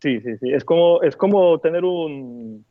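A man from Spain talking as a guest on a casual podcast, animated and quick to laugh and swear. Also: fairly high pitch, dry recording, phone-quality sound.

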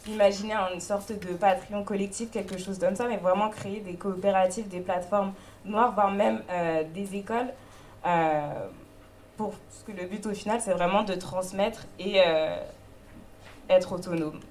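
A woman reports back to a group in a hesitant, halting way, full of fillers and restarts. Her pitch sits in the middle for a woman. A faint background noise runs under her voice. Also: fairly even intonation, a little mellow. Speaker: workshop spokesperson.

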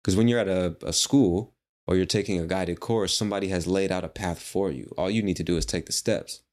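A man's voice: low voice, brisk, darkish tone. A man hosting a casual solo podcast, talking in a rambling, playful way with the odd swear word. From United States. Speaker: podcast host.

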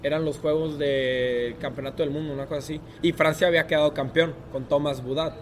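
Young mexican guy telling a story, kinda high voice, acts out the other people, low rumble in the back. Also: steady tone, brisk. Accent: Mexican Spanish. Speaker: guest. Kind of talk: casual storytelling interview.

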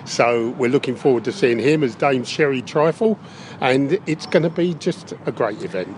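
Recorded on location in a big top tent in a park, with some background noise, a male interview guest answers off the cuff, sounding upbeat and enthusiastic. He speaks at medium pitch and a moderate pace.

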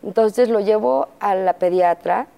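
A Mexican woman, appearing as an interview guest, tells her life story candidly and conversationally, as personal testimony. Her medium-pitched voice is mellow, warm and a bit creaky with a clean tone, and she speaks at a measured pace. She often uses fillers and acts out quoted dialogue from other people.

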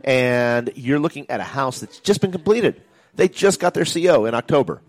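Upbeat salesy man pitching a house. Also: expressive, moderate pace, faint music behind. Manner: upbeat salesy, lists features. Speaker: real estate agent. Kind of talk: radio property pitch.

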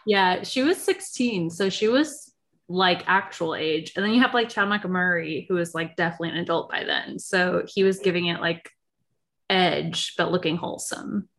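A woman's voice: on the low side, normal speed, fairly bright tone, slight background noise. A woman in her thirties hosting a casual pop culture podcast, chatting in a conversational way. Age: 30s. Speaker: podcast host.

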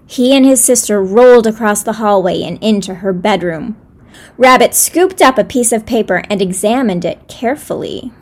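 Gentle woman reading a children's story. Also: mid-range voice, moderate pace.

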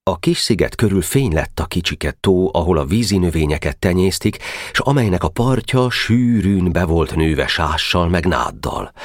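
A man reads a classic novel aloud in a very deep voice. His intonation rises and falls with lively energy as he carries the story. The recording is dry and close, with no room sound. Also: dry recording. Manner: reads all the boys' parts himself, whispering and calling out in the tense night scenes. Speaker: audiobook narrator. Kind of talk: audiobook reading of a classic novel.

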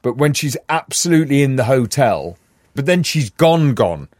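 Lively man on a podcast. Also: medium pitch, normal speed, dry recording, studio quality. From Newcastle, England. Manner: animated, jokey, lots of agreeing. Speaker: podcast co-host. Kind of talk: casual film chat.

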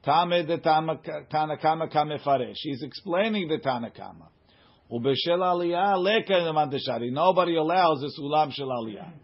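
This is a muffled, lo-fi recording of an informal Talmud lesson. The teacher, a man with a fairly high voice, talks fairly quickly as he reads the text and explains it with emphasis through questions and answers.

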